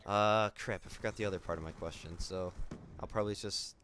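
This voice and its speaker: A young man talking in a casual vlog, subdued and somber, halting with many fillers and restarts. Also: fairly low pitch, fairly even intonation, fairly bright tone, slight background noise. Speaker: gaming YouTuber.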